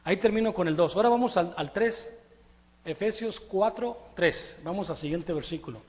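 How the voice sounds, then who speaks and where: A man preaching a sermon, talking to his congregation in a conversational, animated way and asking them rhetorical questions. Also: sits high, moderate pace, in a large hall. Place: church hall.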